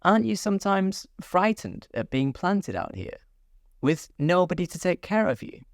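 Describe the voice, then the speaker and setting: Storybook: a polite, earnest young girl, voice lifted high, by a male reader. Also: big pitch swings, normal speed, creaky, no room sound, clean studio sound, heavily acted. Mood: curious.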